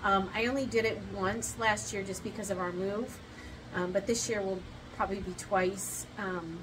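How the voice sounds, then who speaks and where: Middle-aged woman, casual rabbit-keeping vlog, loose and chatty with frequent ums; recorded a little off-mic with steady background noise. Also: mid-range voice, normal speed, distant mic. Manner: chatty, many ums, restarts. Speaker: rabbit keeper vlogger. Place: barn with cement floor, then outdoors in a yard. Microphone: camera a little way off. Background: passing motorcycles and outdoor ambience.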